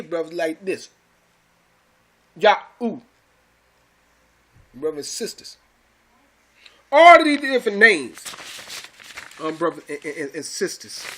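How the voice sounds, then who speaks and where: Here a religious teacher with a high voice and a bright, forceful tone instructs his followers in scripture. He preaches emphatically, circling back to repeated phrases and calling everyone brothers and sisters.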